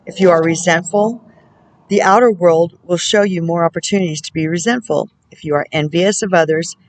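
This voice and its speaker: A woman working as a spiritual counselor, reading oracle card texts aloud in a measured way and breaking off now and then to muse and comment to herself. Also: on the low side, slight background noise, low-quality recording. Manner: measured reading broken by musing, self-amused comments.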